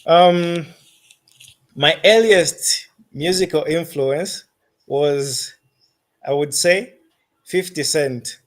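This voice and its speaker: In a fairly high-pitched voice, the musician with a Zambian accent fields interview questions, putting his ideas together deliberately and with frequent hesitations.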